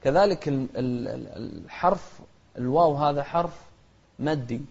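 A man teaching Quran recitation rules, switching between quick explanations and slow, chanted example verses. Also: mid-range voice, gravelly, a little mellow. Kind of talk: tajweed lesson with recited examples. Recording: dull lo-fi recording.

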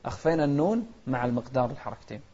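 A man teaching tajweed, chanting verses slowly and then explaining the rules in quick, quieter asides. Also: medium pitch, animated, muffled recording. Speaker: Quran recitation teacher. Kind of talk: tajweed lesson, recitation alternating with explanation.

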